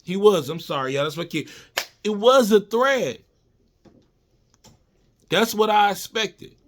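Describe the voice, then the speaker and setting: Animated man in casual sports talk. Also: high voice, takes it slowly, slight background noise. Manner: animated, repeats himself, addresses viewers as y'all. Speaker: sports vlogger. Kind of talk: casual sports commentary monologue.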